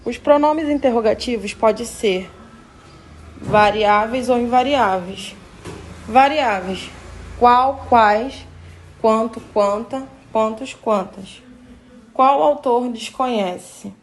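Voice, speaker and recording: A woman's voice: a little high, slow, a little hiss or hum, rough recording. A woman teacher with a Brazilian Portuguese accent, giving a recorded grammar lesson. She reads out rules and then explains them in her own words, often checking in with "tá?" and "né?".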